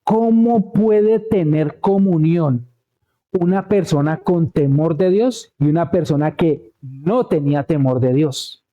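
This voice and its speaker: A man's voice: on the high side, slow pace, dark tone. A man preaching a conversational sermon, telling a Bible story and checking in with the congregation. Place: church.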